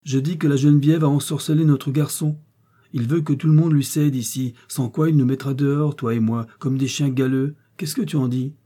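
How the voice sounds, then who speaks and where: A man's voice: mid-range voice, lively intonation, moderate pace, mellow, husky, pitched above the performer's own voice. A man reading the part of a sly, spiteful older mother-in-law who speaks with honeyed malice. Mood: aggrieved.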